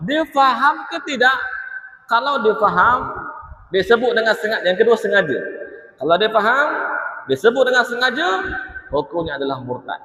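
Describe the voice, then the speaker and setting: A man with a Malaysian Malay accent giving an evening lecture in a mosque, animated, asking rhetorical questions and acting out quoted characters. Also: high voice. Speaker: religious teacher. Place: mosque hall. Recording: echoey, muffled hall recording.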